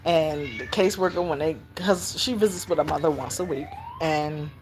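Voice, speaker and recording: An older woman talks at a moderate pace in a casual storytelling vlog about raising her granddaughter. She's animated, jumping into high squeals whenever she acts out voices.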